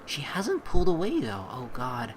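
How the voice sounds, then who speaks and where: A woman with a lowish voice and wildly swooping pitch narrates and comments on a game at a moderate pace, chatty and dramatic. The recording is rough, with faint game music in the background.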